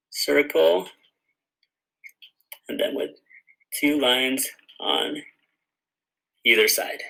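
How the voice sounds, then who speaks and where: A man's voice: mid-range voice, vocal fry, bright, forceful tone, poor audio. A man who writes children's books, giving a friendly step-by-step craft tutorial for kids. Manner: friendly, guiding viewers through each step. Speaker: children's author teaching a craft.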